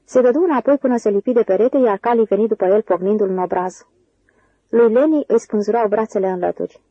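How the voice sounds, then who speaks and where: A woman narrating a novel as an audiobook reader, in an even, measured way. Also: mid-range voice, no echo, lo-fi sound.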